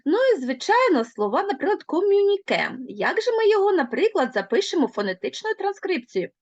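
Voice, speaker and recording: Lively teacher woman, clear and deliberate. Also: very high voice, no room sound, muffled recording. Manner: clear, deliberate teacherly delivery, spelling out words slowly. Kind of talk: online Ukrainian grammar lesson.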